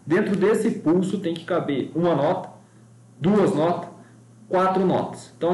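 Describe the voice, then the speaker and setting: A man's voice: high-pitched, darkish tone. A man teaching an online music lesson, patiently explaining note values step by step and chanting rhythm syllables to demonstrate. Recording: echoey room.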